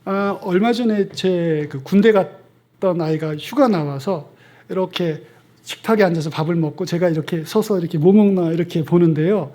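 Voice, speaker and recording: High-voiced male pastor, conversational. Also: normal speed. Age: middle-aged. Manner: conversational, often asking the congregation questions; drops to soft near-whispers for tender lines. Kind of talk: sermon. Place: church sanctuary.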